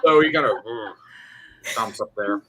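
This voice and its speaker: A man with a medium-pitched voice runs a tabletop role-playing game. He narrates casually, prompting the players with questions. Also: lively intonation, moderate pace, a bit bright, low-quality recording. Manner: conversational, directing players with questions. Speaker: game master.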